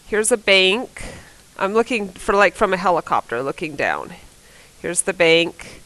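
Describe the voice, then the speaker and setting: A woman teacher fighting a cold works through math problems on a board, thinking aloud casually and correcting herself as she goes. Her medium-pitched voice is sing-song, unhurried, and a bit bright. It's a low-quality recording of a classroom lesson.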